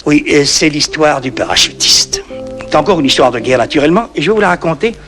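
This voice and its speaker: High-voiced male cabaret storyteller. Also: expressive, quick pace, fairly bright tone. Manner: chatty, addresses audience directly. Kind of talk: cabaret comic monologue. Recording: old 1960s record with music.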